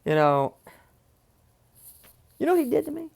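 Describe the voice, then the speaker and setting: A man's voice: very high voice, very animated, normal speed, creaky, a little mellow. A young man venting angrily in a personal vlog, swearing and going off on tangents. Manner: angry, swearing, goes off on tangents. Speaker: vlogger.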